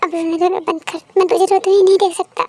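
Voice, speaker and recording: A woman voicing a male friend gently coaxing the bride to stop crying. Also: very high-pitched, level tone, fast talker. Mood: comforting. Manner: soothing, coaxing.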